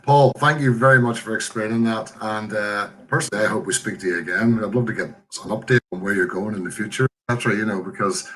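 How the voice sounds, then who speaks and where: A man's voice: fairly low pitch, quick pace, few pauses, a bit bright, low-quality recording. A man hosting a casual live interview in an effusive, encouraging way. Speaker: host.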